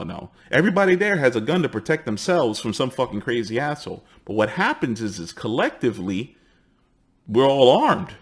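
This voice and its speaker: Profane New York man ranting. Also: mid-range voice. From the Bronx, New York. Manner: heated, swearing, acts out quoted voices. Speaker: host.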